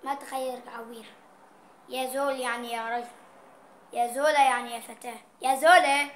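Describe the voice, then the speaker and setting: A playful Egyptian woman vlogging, her voice sitting high and light. She talks casually, reading out words one by one and explaining each one, with a faint hiss underneath. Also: fairly even intonation, brisk. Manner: playful, reading out dialect words and their meanings. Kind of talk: casual vlog chat.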